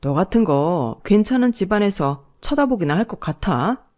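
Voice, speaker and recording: A woman's voice: on the low side, very animated, unhurried, darkish tone. A woman voicing an arrogant young husband who talks down to his wife and mother-in-law. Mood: scornful. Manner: condescending, wheedling, then scornful.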